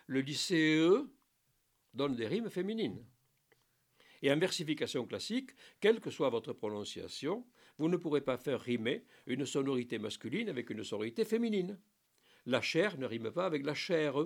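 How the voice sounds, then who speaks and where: A man giving a spoken lesson on French verse, explaining in a lively teaching manner with playful asides and recited lines. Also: medium pitch, gravelly.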